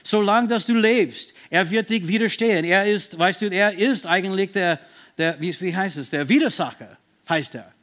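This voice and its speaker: This sermon comes from a man whose voice sits high and is a bit bright. He stresses Bible verses with slow emphasis and sometimes starts over while groping for words.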